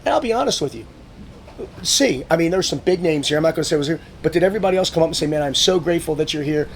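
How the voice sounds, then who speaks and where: A man telling stories in a casual sit-down conversation, animated and profane, acting out what others said. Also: a little high, rapid-fire, slight background noise. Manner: swearing, animated storyteller who acts out quotes. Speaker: guest, motivational speaker.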